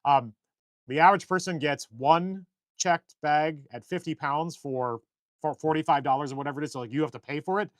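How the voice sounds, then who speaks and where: A man co-hosting a casual live stream from a shed workshop, talking in long rambling, animated stories. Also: on the high side, fairly quick, no echo. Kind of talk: casual chat.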